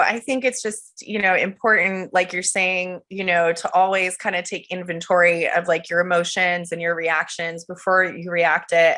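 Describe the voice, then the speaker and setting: Woman guest, casual chat, slightly low voice, filler-heavy. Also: sharp tone. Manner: thoughtful, many fillers like "you know" and "like".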